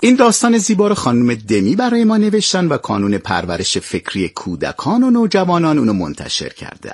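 Storyteller type: man, husky voice, very lively pitch, dry close sound. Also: dry recording. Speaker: children's storyteller. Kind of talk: scripted narration.

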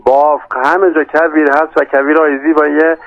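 A man's voice: a little high, level tone, dry recording, muffled recording. A man with a Yazdi Persian accent, an emergency services official speaking in a phone-in radio interview, hesitant, with many fillers and restarts. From Yazd, Iran.

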